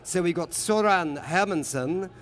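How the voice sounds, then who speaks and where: A man's voice: high-pitched, unhurried, a little hiss or hum. Jovial man hosting a live panel. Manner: jovial, chatty introductions. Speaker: host. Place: lives in Berlin.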